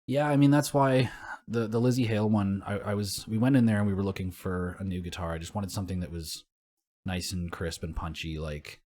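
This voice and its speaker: A man's voice: low voice, fairly even intonation, fairly quick, darkish tone. A young man co-hosting a podcast, chatting casually, swearing freely and laughing easily. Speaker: podcast co-host. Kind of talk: casual chat.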